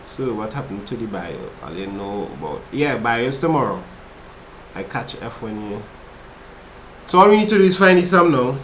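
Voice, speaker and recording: The speaker is a man with a Trinidadian accent, tutoring maths in a casual livestream study session and chatting with viewers between steps. His medium pitch and moderate pace come through roomy, poor audio with slight background noise. He stays relaxed and chatty, reading chat aloud as he works problems.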